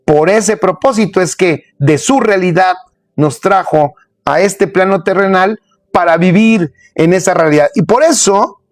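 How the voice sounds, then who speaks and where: A man's voice: high-pitched, dry recording, clean studio sound. A man preaching a sermon, emphatic and repetitive, speaking straight to his listeners.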